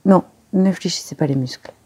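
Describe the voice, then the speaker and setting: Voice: mid-range voice, a little fast, a little mellow, breathy edge, lightly acted. A reader voicing a fussy, self-satisfied little male detective who coaxes and explains with precise, playful instructions. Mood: coaxing. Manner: precise, coaxing, fond of little jokes.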